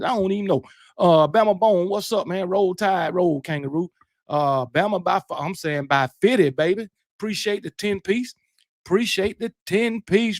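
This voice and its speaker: Middle-aged man, gravelly voice a touch high, laid-back slangy stream host, dry close mic. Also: no room sound. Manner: relaxed, shout-outs, slangy banter. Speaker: livestream host. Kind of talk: casual late-night chat, reading viewer comments.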